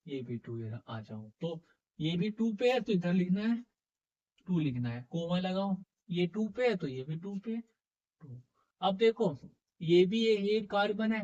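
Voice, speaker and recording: A man's voice: high voice, darkish tone. Muffled male teacher coaxing his class. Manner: coaxing, asks the class questions and repeats answers. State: voice slightly heavy from being unwell. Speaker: chemistry teacher. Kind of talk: classroom lecture to students. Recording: dull, muffled lo-fi sound.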